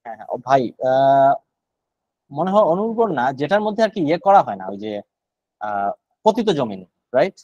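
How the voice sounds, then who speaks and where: A man's voice: medium pitch, sing-song, moderate pace, a little mellow, no room sound, highs cut off. A man with a Bangladeshi accent leading a casual online vocabulary lesson, thinking aloud and searching for words. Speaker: vocabulary session leader.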